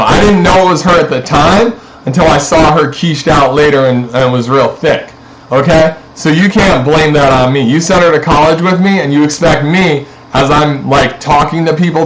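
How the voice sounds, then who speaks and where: A man's voice: fairly high pitch, slight background noise, low-quality recording. A man in a rambling, profane, accusatory monologue aimed at his neighbors.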